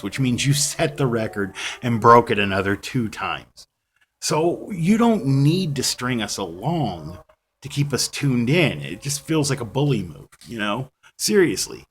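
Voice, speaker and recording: A man's voice: mid-range voice, slightly rough. A man casually ranting about a TV episode to his viewers, rambling and self-deprecating, with constant "you know"s and restarts. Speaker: vlogger reviewing a TV episode. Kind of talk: casual rant to camera.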